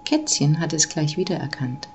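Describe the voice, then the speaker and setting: Woman gently reading a children's story. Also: low voice, normal speed, slight background noise.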